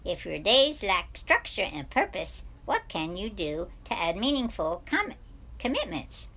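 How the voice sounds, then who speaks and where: A woman voicing an excitable male cartoon duck with a strained, squawky, helium-like voice, reading a text aloud. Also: medium pitch, measured pace, full character voice. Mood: chirpy.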